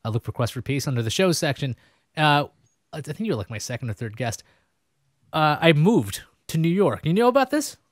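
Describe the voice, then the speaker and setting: A man's voice: a little high, big pitch swings, a little fast, no room sound, clean studio sound. Rambling, self-mocking male podcast host. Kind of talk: casual interview chat. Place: New York.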